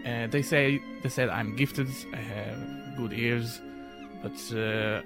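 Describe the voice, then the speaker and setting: A man with a gravelly, creaky voice, outdoors on a street. He pauses often and searches for his words. Music plays clearly behind him. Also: medium pitch, fairly even intonation. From Hungary. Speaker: street violinist. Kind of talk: interview answers.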